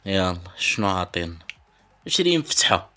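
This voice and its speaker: Hosting a channel about a mobile football game, a man speaking with a Moroccan Arabic accent gives live commentary while opening packs. He addresses his viewers as brothers, mixing excited outbursts with sighs and pious exclamations, speaking low-pitched at a moderate pace over soft background music.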